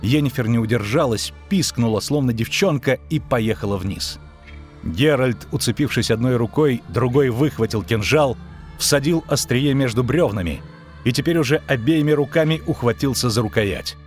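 Man narrating a fantasy audiobook, mid-pitched voice, dry close sound, faint music behind. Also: moderate pace. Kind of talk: scripted narration.

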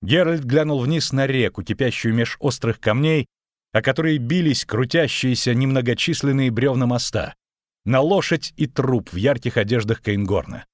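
A man narrating an audiobook in a steady, dramatic reading. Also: medium pitch, normal speed, no echo, clean studio sound. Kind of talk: scripted narration.

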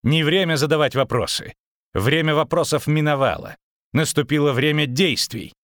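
A man reading an audiobook, voicing a proud, tormented male sorcerer who speaks bitterly and breaks into shouts. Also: mid-range voice, big pitch swings, a little slow, dry recording, studio quality, voice pushed up. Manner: bitter, agitated, rising to shouts.

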